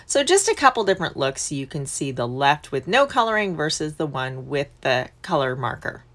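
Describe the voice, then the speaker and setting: A woman's voice: deep voice, very animated, a little fast, fairly bright tone. A middle-aged woman hosting a casual crafting tutorial, chatty and upbeat as she explains each step in a voice-over. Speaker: craft channel host.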